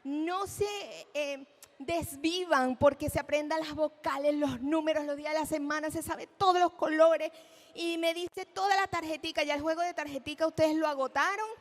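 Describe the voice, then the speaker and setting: High-pitched lady giving a talk at an event, animated, keeps asking the crowd stuff. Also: moderate pace. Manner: animated, asks the audience rhetorical questions; acts out children's speech in a high voice. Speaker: speech therapist giving a talk. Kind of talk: lecture at a live event. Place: event hall.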